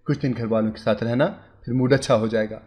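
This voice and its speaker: A man voicing a worried, gentle young husband. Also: medium pitch, steady tone, fast talker, dull audio, natural voice. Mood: coaxing. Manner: anxious musing, soft coaxing. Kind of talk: storybook character voice.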